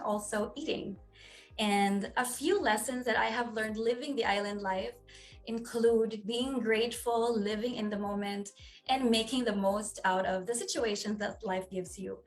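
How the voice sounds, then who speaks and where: Poised young Filipino woman, music behind. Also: mid-range voice. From Philippines. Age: 20s. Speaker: pageant contestant. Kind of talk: poised pageant interview answers.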